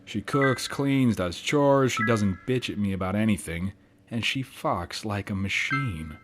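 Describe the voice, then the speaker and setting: A man's voice: on the low side, lively intonation, a little slow. Man playing a blunt divorced guy in his forties. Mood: defensive. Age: 40s. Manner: blunt, crude. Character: divorced middle-aged man, guarded, blunt. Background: music.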